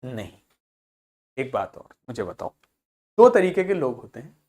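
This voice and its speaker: In a Hindi video lesson, a male English teacher poses questions, answers them himself, and slowly repeats example words. His medium-pitched voice has a sing-song lilt and a darkish tone.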